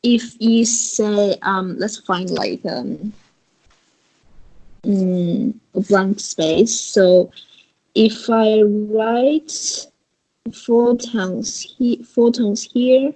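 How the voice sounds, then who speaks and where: A woman with a mid-range, dark-toned voice speaks very slowly on a rough recording. She is teaching beginner Chinese online via video call, patiently coaxing her student and steering with questions.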